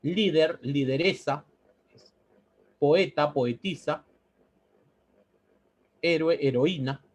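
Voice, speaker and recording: A man's voice: fairly high pitch, extremely slow, darkish tone, husky. A man teaching a grammar lesson, who repeats words and checks in with a questioning "¿no?". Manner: explains step by step, repeating words and asking "¿no?".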